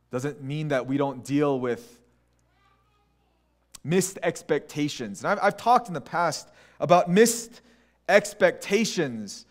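A man preaching a sermon in a conversational, animated way, with quick restarts and acted asides. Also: mid-range voice. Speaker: pastor.

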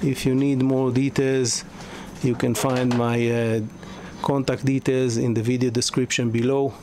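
Slow-talking man touring a sailboat. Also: medium pitch, little pitch movement. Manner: halting, many fillers and restarts. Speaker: yacht broker. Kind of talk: walkthrough tour. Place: inside a sailboat cabin. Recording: noisy ambience.

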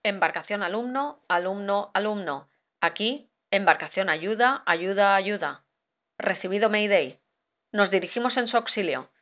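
A woman's voice: medium pitch, lively intonation, measured pace, dry recording. A woman instructor reciting formal marine radio calls in set procedure wording. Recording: dull lo-fi recording.

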